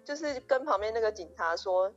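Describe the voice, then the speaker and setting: A woman's voice: mid-range voice, animated, brisk, dull audio, faint music behind. A young woman co-hosting a podcast, eagerly retelling a story with many restarts and quoted dialogue. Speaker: podcast co-host. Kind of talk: casual storytelling chat.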